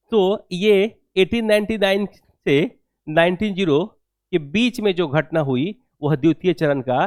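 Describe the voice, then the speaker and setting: A man coaches students for history exams in a didactic classroom lecture, dictating answer points, repeating key phrases and asking rhetorical check questions. His voice is high-pitched and slightly mellow, recorded dry with studio quality.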